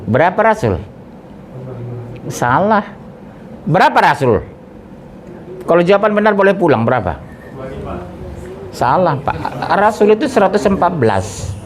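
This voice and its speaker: A man's voice: a little high, a little hiss or hum. A middle-aged man, a preacher, leading an interactive religious study and quizzing his listeners. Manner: questions the audience, lively, jokes. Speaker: ustadz, preacher.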